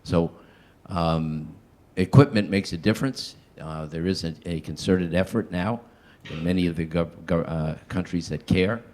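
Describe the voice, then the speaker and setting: A man speaking informally on a public panel, halting and hesitant as he searches for his words. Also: low voice, darkish tone.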